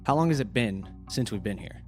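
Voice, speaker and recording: A man's voice: medium pitch, expressive, a little fast, faint music behind. A man playing a tabletop role-playing game, talking casually in and out of character in a blunt, sweary way.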